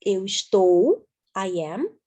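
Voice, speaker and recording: A woman's voice: medium pitch, sing-song, very slow, dark tone. A woman teaching English grammar to viewers, patiently spelling words out letter by letter.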